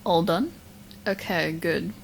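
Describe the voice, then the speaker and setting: In an audio roleplay, a woman plays a young witch hopelessly fixated on the listener, speaking in a slightly low voice that's coy, chatty, smugly confident, with small hesitant asides and a sweet, coaxing mood. She talks slowly and creakily over faint ambient noise in a low-quality recording.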